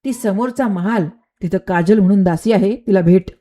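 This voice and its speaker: A woman's voice: medium pitch, normal speed, mellow, close to an everyday voice. A woman voicing a scheming male royal minister who gives sly orders in a storybook tale. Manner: commanding, sly.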